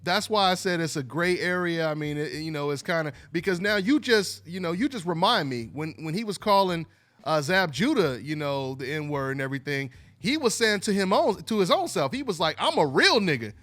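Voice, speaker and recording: A man's voice: on the high side, animated, brisk, fairly bright tone. A man hosting a call-in boxing show, talking loosely and rambling with many "you know, man" fillers. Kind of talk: casual call-in radio talk.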